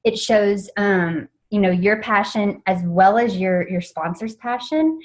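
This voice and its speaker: A young woman talking her team through a training session. Her pitch sits right in the middle range, and she keeps an eager, chatty flow full of ums and restarts, like she's talking to friends rather than lecturing. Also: a little slow, low-quality recording. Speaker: network marketing team trainer. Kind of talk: informal training talk.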